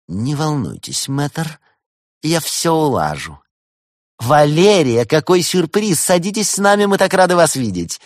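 A man's voice: mid-range voice, very animated, moderate pace, dry recording, clean studio sound, pitched above the performer's own voice. A man voicing a sly, falsely sweet female fox detective in an audiobook. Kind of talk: audiobook character voice.

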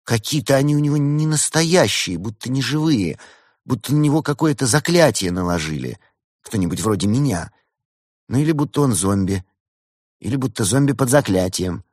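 A man's voice: animated, normal speed, darkish tone, dry recording, studio quality, lightly acted. A man voicing a fussy, self-important female cat sorceress in an audiobook. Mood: haughty. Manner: shrill, demanding, self-important. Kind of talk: audiobook character voice.

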